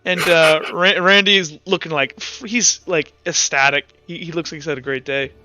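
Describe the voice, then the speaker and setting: A man serving as game master casually improvises narration for a tabletop roleplaying game, with background music underneath. His voice is on the high side, pushed and bright, with a steady tone at normal speed, and the audio sounds slightly dull.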